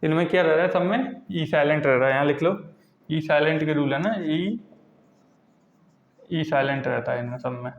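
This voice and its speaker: A man teaching English pronunciation rules, repeating each example slowly and asking and answering his own questions. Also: fairly high pitch. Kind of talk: classroom lesson explaining pronunciation rules. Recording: echoey lo-fi classroom recording.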